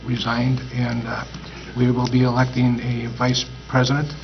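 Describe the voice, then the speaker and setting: A man chairing a school board meeting, speaking haltingly with many uhs. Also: medium pitch, completely flat delivery, vocal fry. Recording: dull audio with audible mains hum.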